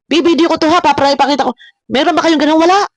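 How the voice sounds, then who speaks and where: A woman's voice: sits high, rapid-fire, no room sound. A woman hosting a reaction video, talking straight to her critics in a confrontational rant full of repeated words and rhetorical questions. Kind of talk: ranting reaction commentary.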